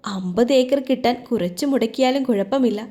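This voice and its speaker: Brusque rich young suitor in a story reading, short clipped lines, warm mellow tone, a woman reading him. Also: a little high, fairly quick, lightly acted. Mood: irritated. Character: stern wealthy young man, impatient suitor.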